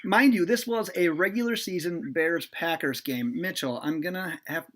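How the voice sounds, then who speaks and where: A man hosts a casual sports podcast, ribbing his guests between ums. His voice sits slightly high with a bright edge. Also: moderate pace. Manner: teasing, loose, lots of ums. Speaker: podcast host.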